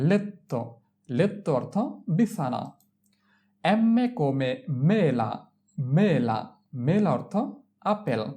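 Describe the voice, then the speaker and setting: Teaching the Italian alphabet slowly, a low-voiced woman with a darkish tone spells words out one letter at a time. She repeats each word three times, then explains what it means.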